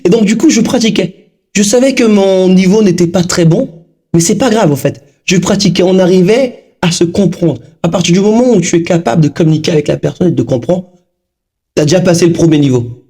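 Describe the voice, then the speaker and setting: A man in his thirties from Togo, a guest talking casually in an interview, lively and full of fillers. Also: high-pitched, a little fast, husky. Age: 30s. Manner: animated, lively storytelling with frequent fillers.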